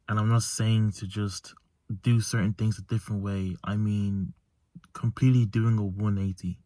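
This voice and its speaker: A lowish, slightly mellow male voice with no room sound. It belongs to a young self-improvement vlogger in a parked car at night, earnestly and emphatically repeating key phrases in a reflective motivational monologue.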